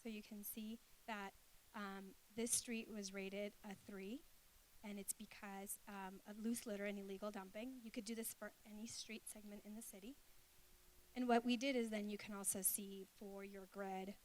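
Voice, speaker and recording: A woman's voice: medium pitch, little pitch movement, moderate pace, low-quality recording. A woman giving an informal presentation, explaining things in a conversational, hesitant way. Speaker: conference speaker. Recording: hissy live talk recording.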